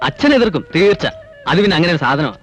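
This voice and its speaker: A man's voice: sits high, lively intonation, fast talker, fairly bright tone, soft background music. An actor playing a young man who teases his sweetheart in a playful way.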